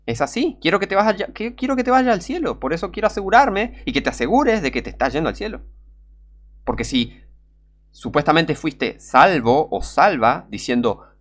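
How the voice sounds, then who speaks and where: A man with a Rioplatense Spanish accent preaching a sermon, urgent and pleading, sometimes breaking into shouts. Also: a little high, big pitch swings, moderate pace.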